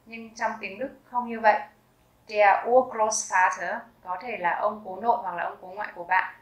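A woman teaching vocabulary, repeating each word slowly and carefully. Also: mid-range voice, steady tone, echoey room, poor audio. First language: Vietnamese. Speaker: German language teacher. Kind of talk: vocabulary lesson with slow repetition.

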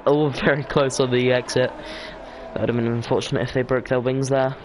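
A man's voice: medium pitch, little pitch movement, normal speed, noisy background. A man giving casual sim racing commentary, tired and hesitant, with lots of ums and corrections of himself. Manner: tired and yawning. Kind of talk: casual esports race commentary.

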